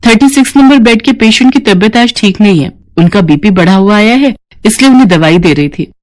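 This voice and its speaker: A woman's voice: mid-range voice, expressive, fairly quick, darkish tone, lightly acted. A principled young nurse speaks earnestly in a storybook drama, voiced by a woman. Her voice sits in a middle register, in emotional, outspoken dialogue.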